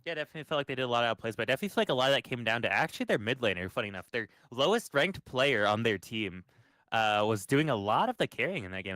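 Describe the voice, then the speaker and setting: A man's voice: on the low side, a bit bright, dry recording. A man casting a live esports match, calling plays and breaking down fights. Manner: quick play-by-play, analytical. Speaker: esports caster.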